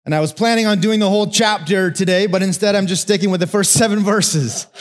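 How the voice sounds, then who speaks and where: High-voiced pastor, chatty sermon. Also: male voice, brisk, soft background music. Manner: conversational storytelling, joking asides.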